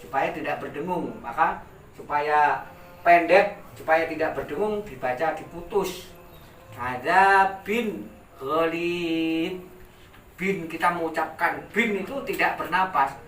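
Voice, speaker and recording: A man with an Indonesian accent leads an informal recitation lesson, stretching syllables slowly and repeating each word for his pupils. His voice is fairly high and bright. He sounds a little far from the mic, in an echoey room with faint background noise. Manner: drawn-out demonstrative recitation, repeating words for pupils. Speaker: Quran recitation teacher.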